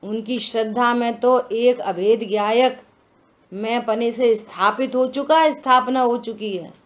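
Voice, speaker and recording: A woman giving a religious scripture discourse, slow and deliberate, asking many rhetorical questions. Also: on the high side, dull audio. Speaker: scripture teacher.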